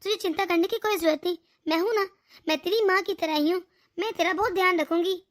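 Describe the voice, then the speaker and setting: A woman's voice: extremely high pitch, fast talker. A woman voicing a middle-aged mother-in-law in a cartoon who fusses over and soothes her daughter-in-law. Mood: soothing. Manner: fussing, coaxing. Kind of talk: cartoon voice acting.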